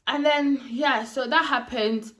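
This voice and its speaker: Animated young woman vlogger. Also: high voice, slow pace. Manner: animated, chatty storyteller with slang. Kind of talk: storytime vlog.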